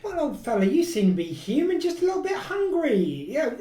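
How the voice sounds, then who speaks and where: A woman voicing a cheeky, fast-talking male time traveller who jokes breezily. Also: high voice, big pitch swings, dark tone, recorded from a distance, a little hiss or hum, voice pushed up. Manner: breezy, joking, fast talk. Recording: echoey room, a little off-mic.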